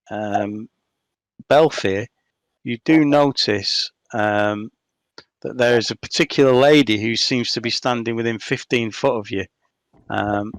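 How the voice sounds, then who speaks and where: Guy gm narrating a tabletop game, relaxed, lots of ums, dry close sound. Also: mid-range voice, clean tone, no echo. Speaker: game master.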